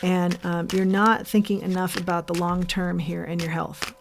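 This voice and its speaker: A woman giving an intuitive tarot reading as host, saying the card names slowly and repeating her advice earnestly. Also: lowish voice, level tone, background noise. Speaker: tarot reader.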